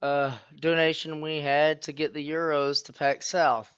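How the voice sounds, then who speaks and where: A man's voice: fairly high pitch, level tone, measured pace, a bit bright, clear, resonant tone, lo-fi sound. A man with a Southern US accent on a casual community livestream panel, joking and drawling.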